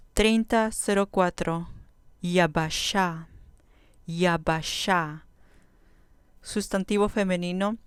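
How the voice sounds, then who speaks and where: A woman teaching a vocabulary lesson at an unhurried pace, repeating each term slowly before she defines it. Her voice is very clear and smooth. The sound is dry and close, with no room echo. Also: on the low side. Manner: slow, careful, repeats each word. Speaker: Biblical Hebrew teacher.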